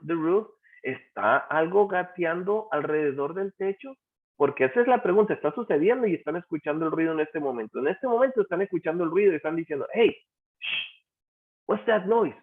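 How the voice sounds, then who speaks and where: A male teacher taking an online class through grammar examples, patiently asking questions and repeating the answers. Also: on the high side. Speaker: English teacher. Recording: tinny phone-like call audio.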